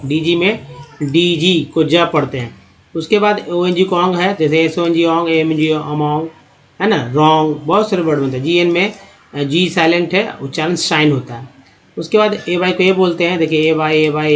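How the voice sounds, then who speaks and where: A man teaching English reading in Hindi, spelling out letter groups slowly and repeating each sound for his viewers. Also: fairly high pitch. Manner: addresses viewers as friends, explanatory. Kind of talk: Hindi lesson on spelling patterns.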